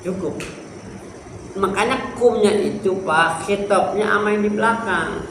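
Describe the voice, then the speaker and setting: A man's voice: high-pitched, unhurried. A male religious teacher teaching a study lesson in a neighborhood prayer hall, explaining a text line by line and talking to the congregation. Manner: explains a text line by line, acts out examples, talks to the congregation as "Pak". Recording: echoey room with faint background hiss.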